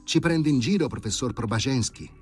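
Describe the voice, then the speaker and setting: A prickly young committee leader speaks in a raised, tense voice, put on by a man reading an audiobook. His fury stays just under the surface in every clipped phrase. The delivery swings lively and a bit husky. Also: medium pitch, normal speed, faint music behind, voice pushed up. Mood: indignant, hostile. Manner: tight, bristling, barely held fury. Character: indignant young male committee leader, hostile zealot.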